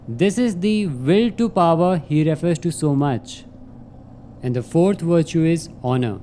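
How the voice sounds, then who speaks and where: Mellow, higher-pitched man giving motivational monologue. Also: slight background noise. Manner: earnest, instructive, measured declarative delivery. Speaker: vlogger.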